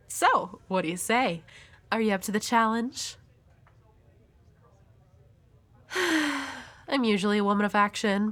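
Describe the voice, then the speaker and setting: A woman's voice: medium pitch, a bit bright. Himeno, a woman playing a flirty, world-weary devil hunter. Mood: playful, challenging. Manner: teasing, coy, breathy at times. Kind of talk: intimate audio roleplay addressed to the listener.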